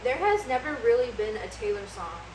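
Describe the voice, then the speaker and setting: An easygoing young woman chatting on a casual podcast, self-deprecating and talkative, with a slightly high voice. She is recorded from a distance in an echoey room, with clearly audible background noise. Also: very animated, fairly quick, darkish tone. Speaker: podcast co-host. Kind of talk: casual chat.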